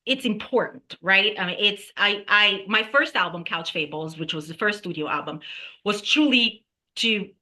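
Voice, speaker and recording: A woman from Brazil, a singer-songwriter guest, talking casually and reflectively, pausing on fillers and often adding "right?". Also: mid-range voice, pushed and bright. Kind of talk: casual interview talk.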